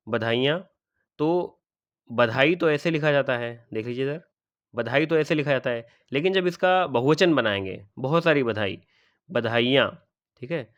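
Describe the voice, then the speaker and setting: A man's voice: mid-range voice, a bit bright, smooth, dry recording. Male Hindi exam tutor, methodical, answers his own questions, dry, slightly muffled close recording. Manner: repeats each word and checks with "ठीक है". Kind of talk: spelling lesson for exam aspirants.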